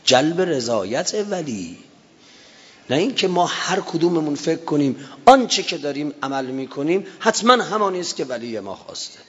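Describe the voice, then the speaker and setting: A man preaching a religious sermon with impassioned emphasis, swelling to drawn-out chanted phrases. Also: on the high side, big pitch swings, husky. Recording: dull lo-fi recording in a reverberant hall.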